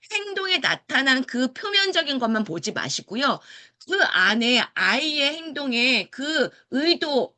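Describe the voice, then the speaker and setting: Bright, animated woman lecturer. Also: high-pitched. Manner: acts out quoted teachers and children in lively voices; asks the audience questions and answers them. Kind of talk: lecture to parents.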